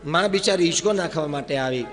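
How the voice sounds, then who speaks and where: A man from Gujarat telling a devotional story, animated and acting out the scenes as he narrates. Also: on the high side, fast. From Gujarat, India. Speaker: religious storyteller. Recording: reverberant hall with faint music.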